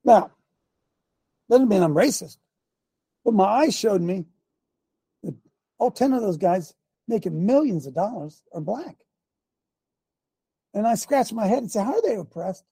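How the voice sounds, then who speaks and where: An older man with a high-pitched, gravelly, husky voice preaches emphatic commentary. He repeats his points and keeps asking his listeners rhetorical questions, clearing his throat along the way. The recording is close and dry. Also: lively intonation, unhurried, pauses often, mellow, dry recording. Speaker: show host.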